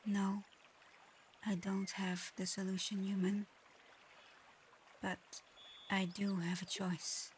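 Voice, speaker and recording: In an ASMR audio roleplay, a woman plays a proud yet conflicted dragon girl in human form. She speaks softly, hesitantly and earnestly in a natural, mid-range voice, with slight background noise present.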